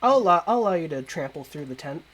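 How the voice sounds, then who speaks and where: A man running a tabletop game as game master, narrating quickly and laughing often. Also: fairly high pitch, expressive, a bit bright.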